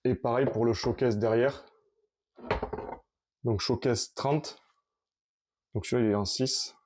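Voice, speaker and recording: A man casually showing his collection on camera, talking in a halting, rambling way with many restarts. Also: medium pitch, fairly even intonation, darkish tone.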